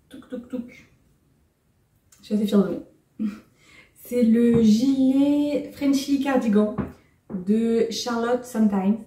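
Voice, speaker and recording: A woman's voice: mid-range voice, warm tone. A woman chatting casually on her knitting vlog at home, showing her finished cardigans in a rambling, light, self-mocking way. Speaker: knitting vlogger. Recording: roomy sound from a distance.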